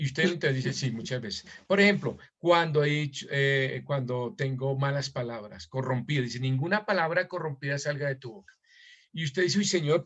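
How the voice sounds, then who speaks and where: A man preaching a sermon as pastor, reading scripture aloud and asking the congregation questions, with sudden emphatic rises. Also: dull audio. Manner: lively and emphatic, with sudden rises in pitch and loudness.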